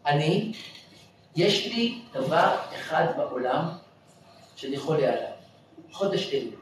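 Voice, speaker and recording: A man's voice: a little high, very animated, recorded from a distance, a little hiss or hum. A man voicing a blunt, earnest dog owner in a story he tells, recorded from afar in an echoey hall.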